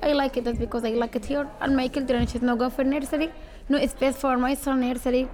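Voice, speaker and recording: A young woman with a Sudanese accent answers informally in halting, simple, non-fluent English. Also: high-pitched, little pitch movement, a little mellow, slight background noise. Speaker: interviewee, church community member. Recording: busy room with background chatter.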